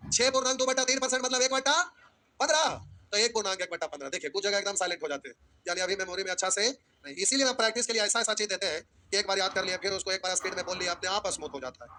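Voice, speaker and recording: A man's voice: high voice, rapid-fire, sharp tone, a little hiss or hum. A man teaching math in a classroom, drilling students in call-and-response and teasing those who drift off. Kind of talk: classroom lecture.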